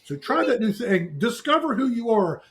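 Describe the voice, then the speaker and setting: Speaking at normal speed, this man has an extremely high, very animated and somewhat bright voice. He's a middle-aged Eastern Shore, US native co-hosting a casual talk-show podcast, giving earnest life advice and frequently starting sentences over.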